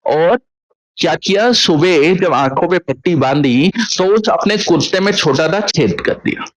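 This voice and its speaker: A man's voice: on the high side, animated, a little slow, poor audio. Chatty male devotional storyteller. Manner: chatty, checks in with listeners often. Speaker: katha storyteller.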